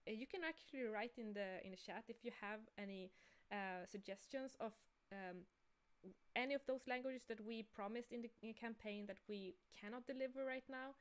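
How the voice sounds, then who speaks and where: A game creator and artist hosts a livestream about her own creative work, chatting casually and with real enthusiasm. Her voice is a little high and her delivery brisk.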